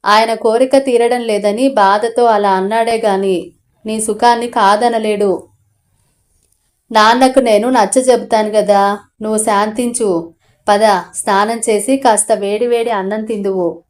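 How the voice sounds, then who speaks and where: A woman voicing a gentle, worried middle-aged mother who soothes her son and pleads with her husband, in a storybook audio novel. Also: mid-range voice, fairly even intonation, a little slow, close to an everyday voice. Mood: soothing.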